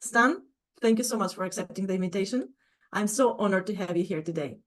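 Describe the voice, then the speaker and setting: A woman hosting an education podcast, speaking in an effusive, warm way. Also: medium pitch, fairly quick. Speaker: podcast host. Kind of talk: podcast interview.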